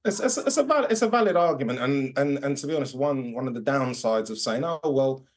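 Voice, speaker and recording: A man speaking as a guest on a TV discussion over a remote link. He is earnest but halting, and keeps stumbling and restarting his sentences as he makes his point. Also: medium pitch, lively intonation. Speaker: councillor and activist guest. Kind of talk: live remote interview.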